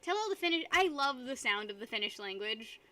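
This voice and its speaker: On a live stream, a young woman chats casually with viewers, rambling, giggling often, and reading chat aloud. Her voice sits on the high side, sing-song and fairly quick, with a bright, forceful tone.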